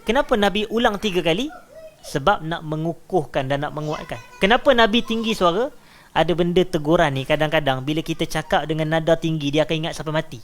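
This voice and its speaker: A man with a Malaysian Malay accent, a religious teacher giving a lecture on scripture. He recites Arabic verses slowly and explains them word by word, raising his voice for emphasis and then dropping it low.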